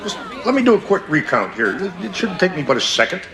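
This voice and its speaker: An actor playing a sardonic, theatrical man who tells dark events with relish in a wry, mock-ceremonious manner in a television drama. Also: on the high side, huge pitch swings, fast talker, crowd noise. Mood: amused. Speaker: storyteller under questioning. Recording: music behind the voice.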